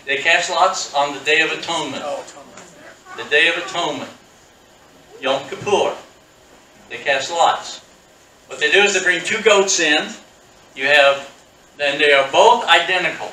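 A man teaches a congregation in a loose, halting way, full of fillers and restarts. His voice is bright and a little high, heard from some distance in an echoey church hall. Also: a little hiss or hum. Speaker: pastor. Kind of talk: casual bible teaching. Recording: echoey room, speaker far from mic.

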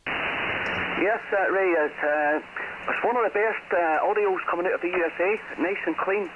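Over a noisy, muffled shortwave link, a British amateur radio operator calls in and chats easily in a high voice at a moderate pace.

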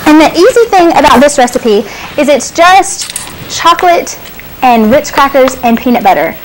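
A woman's voice: high-pitched, lively intonation, normal speed, a little hiss or hum, poor audio. A young woman co-hosting a local TV cooking show, chatty and upbeat as she explains each step. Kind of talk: casual cooking demonstration. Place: small indoor TV studio set.

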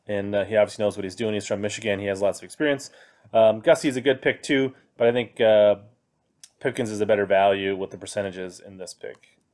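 With a lowish, slightly mellow voice and a somewhat fast pace, a man in his thirties runs through his fantasy fishing picks on his podcast. He reads from web pages in a casual, filler-heavy way, recorded indoors as a screen capture with a webcam inset.

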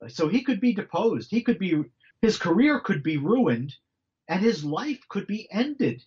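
A middle-aged male author, a guest on a faith podcast, explains early church history conversationally like a teacher, with many asides. He's animated, frequently says "you know" and repeats himself, and his high voice comes a little slowly through a muffled recording.

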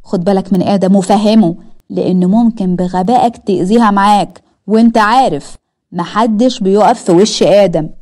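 A woman's voice: mid-range voice, brisk, darkish tone, natural voice. A woman with an Egyptian accent voicing a teasing, protective young man who talks in a wry, scolding way. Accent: Egyptian Arabic.

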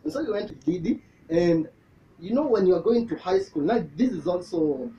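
Young Kenyan man, mellow and higher-pitched. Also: lively intonation, normal speed. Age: young adult. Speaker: youth preacher, interview guest. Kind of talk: casual interview chat. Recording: muffled audio with background noise.

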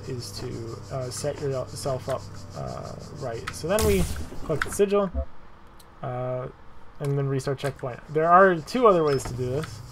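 Easygoing male speedrunner explaining routes, self-deprecating, recording carries clear background noise. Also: mid-range voice. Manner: relaxed, self-deprecating, frequent fillers and repeated words. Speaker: speedrun tutorial narrator. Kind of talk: casual gameplay walkthrough commentary.

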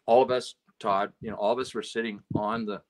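A man from Canada with a lowish voice tells stories from the road as a guest. He keeps it animated, acting out the people he quotes and checking in with "right?" as he goes. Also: a little fast. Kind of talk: casual storytelling chat.

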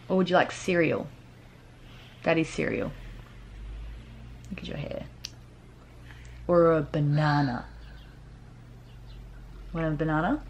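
A woman's voice: sits low, gravelly, a little hiss or hum. A young woman vlogging at home as a mother, chatting casually and cooing to her toddler in sing-song tones. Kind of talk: casual vlog chat. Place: home kitchen and bedroom. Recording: roomy home audio with music behind.

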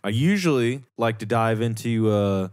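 A man hosts a laid-back podcast, joking around and swearing casually. His voice is fairly low and recorded dry and close. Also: animated, moderate pace, a little mellow, clean tone, no room sound. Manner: loose, jokey, casual swearing. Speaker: podcast host.

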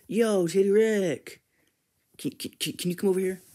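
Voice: mid-range voice, normal speed, darkish tone, close to an everyday voice. Rick, a stammering mischievous grandpa scientist, voiced by a fan. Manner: stuttering, filler-heavy, sly teasing. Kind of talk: plush toy comedy skit.

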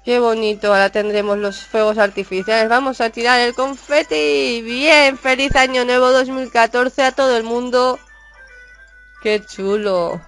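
A woman from Spain with a Spanish accent, chatting excitedly as she plays a video game and reads its dialogue aloud. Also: fairly high pitch, a little slow, faint music behind. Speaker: gaming YouTuber. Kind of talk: casual game commentary.

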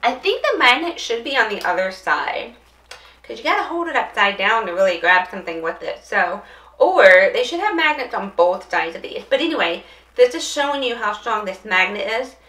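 A woman's voice: fairly high pitch, very animated, moderate pace, fairly bright tone. A woman giving a casual how-to demonstration of dressing aids, chatting and thinking aloud as she goes. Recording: roomy echo, distant mic, faint noise.

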